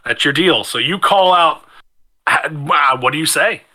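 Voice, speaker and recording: A man with a very bright, forward voice, slightly high in pitch, hosts a tabletop game as game master. He talks casually, moving between narration and wry, dry teasing of the players. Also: a little slow. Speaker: game master and show host.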